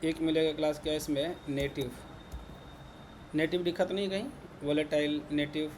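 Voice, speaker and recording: Indian hindi-accented guy lecturing a class, keeps going "thik hai na", fairly high voice, faint hiss behind. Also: flat delivery, normal speed, a little mellow. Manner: repetitive, checks in with "ठीक है ना" constantly. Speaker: programming teacher. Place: classroom with students.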